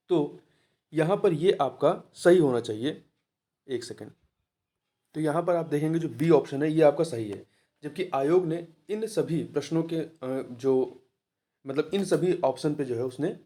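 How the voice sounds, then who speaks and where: A man with a fairly high, warm voice gives a spoken exam-prep lesson, patiently explaining answers and repeating key words.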